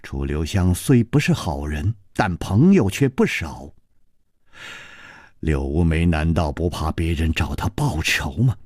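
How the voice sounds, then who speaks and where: Male storyteller plays a menacing, icy female captor; low, unhurried sneer. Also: sing-song, dry recording, clean studio sound. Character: cold scheming woman captor, icy and menacing.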